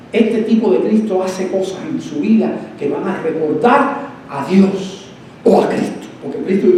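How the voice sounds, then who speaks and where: High-voiced pastor preaching in an echoey church. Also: male voice, mellow, a little hiss or hum. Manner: storytelling with emphatic, rising cries. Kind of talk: sermon. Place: church sanctuary. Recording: echoey church hall, distant mic.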